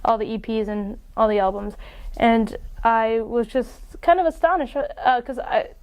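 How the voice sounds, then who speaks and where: A young woman co-hosting a music podcast, chatting casually with a lot of "like" and quick agreement. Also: a little high, a little mellow, clean tone. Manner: chatty, lots of "like" and agreeing "yeah". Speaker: podcast co-host.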